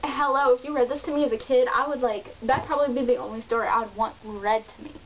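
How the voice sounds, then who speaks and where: A woman vlogger reviewing books in an animated, chatty way, full of exclamations and fillers. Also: high-pitched, fast talker. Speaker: book vlogger. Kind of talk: casual book review chat. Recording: dull lo-fi recording with faint hiss.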